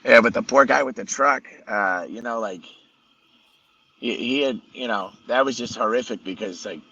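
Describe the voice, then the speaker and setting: A man's voice: mid-range voice, normal speed, pushed and bright, slightly rough, no echo, lo-fi sound. A man guest telling a story in casual conversation, blunt and profane, rambling with many restarts. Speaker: podcast guest.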